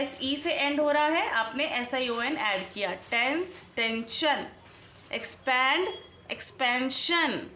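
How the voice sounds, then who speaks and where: A woman teaching English spelling rules, talking slowly and deliberately, spelling words out letter by letter and asking her learners questions. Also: high-pitched, pushed and bright. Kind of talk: online lesson in Hindi-English mix. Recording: echoey room, faint background noise.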